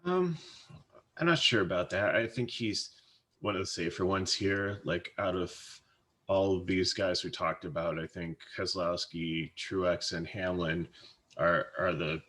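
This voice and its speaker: A deep-voiced man chats casually on a fantasy sports podcast. He hesitates often, repeating words and trailing off as he weighs his picks. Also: unhurried, a bit bright. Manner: hesitant, many restarts and fillers. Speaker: co-host, fantasy sports analyst.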